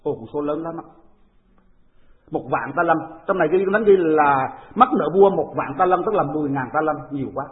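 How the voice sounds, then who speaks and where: A woman, preaching a sermon in an animated storytelling way and asking the congregation questions. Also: low voice, a little fast. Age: 40s. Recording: tinny phone-like recording.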